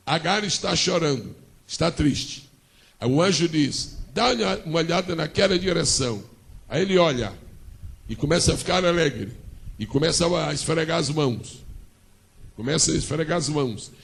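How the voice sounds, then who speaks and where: Brief: Brazilian male pastor, gravelly voice, fairly high-pitched, animated call-and-response sermon. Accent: Brazilian Portuguese. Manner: dramatic storytelling with call-and-response.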